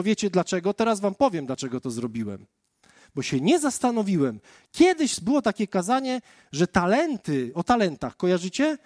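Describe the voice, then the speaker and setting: A man's voice: high voice, a little mellow, dry recording, studio quality. A man preaching a conversational sermon, telling his own testimony as a story and speaking straight to the listeners. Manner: storytelling, addressing the listeners directly.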